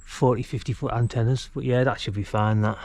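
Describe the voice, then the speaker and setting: A middle-aged amateur radio hobbyist films a DIY video beside a brick house wall outdoors, chatting casually as he demonstrates. His medium-pitched, slightly mellow voice is fairly quick with a steady tone. He rambles in a laid-back, colloquial way, thinking aloud, while traffic noise fills the recording.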